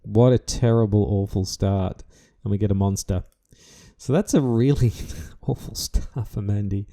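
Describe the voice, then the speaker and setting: A man's voice: lowish voice, unhurried, mellow. A man hosting a game playthrough in casual commentary, fretting fussily and hesitantly as he thinks aloud. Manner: fretful, fussy, muttering worries over bad luck. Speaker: host of a board game playthrough series. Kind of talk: casual unscripted gameplay commentary.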